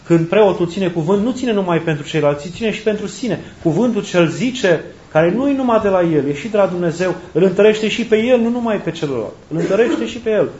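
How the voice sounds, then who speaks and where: A man's voice: high voice, lively intonation, hardly any pauses, a little mellow, a little hiss or hum. A man, a priest, preaching an earnest sermon, repeating key phrases for emphasis. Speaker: Orthodox priest. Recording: roomy, dull lo-fi recording.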